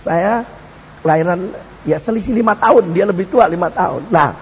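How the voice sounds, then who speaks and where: A man's voice: high voice, normal speed, a little hiss or hum, low-quality recording. An older man preaching, telling a joking family story and often addressing the congregation directly. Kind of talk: humorous storytelling sermon.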